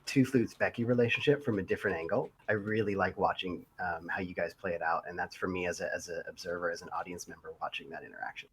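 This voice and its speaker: A man co-hosting a casual podcast, recounting role-play stories in a halting, rambling way. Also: low-pitched, fairly bright tone, slight background noise. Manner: rambling storyteller, halting with fillers. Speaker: podcast co-host and role-player.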